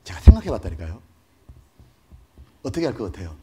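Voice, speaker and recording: A man's voice: fairly low pitch, quick pace. A male pastor delivering a sermon, telling stories animatedly and asking the congregation rhetorical questions. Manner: animated, storytelling, mock-dramatic. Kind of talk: sermon with dramatized storytelling.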